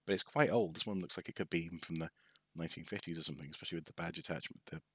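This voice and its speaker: Man from North Wales, very low pitch, bright edge, casual rambling live stream, hesitant, dry close sound. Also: very fast, husky, no room sound. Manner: hesitant, lots of ums and restarts, wry asides. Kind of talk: casual rambling show-and-tell.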